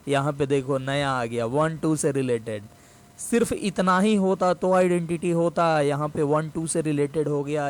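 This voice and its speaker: Male maths teacher, high voice, patient step-by-step explainer who repeats key terms. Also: a little mellow. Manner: explains step by step, repeats key phrases slowly, asks and answers own questions. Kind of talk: classroom maths lesson.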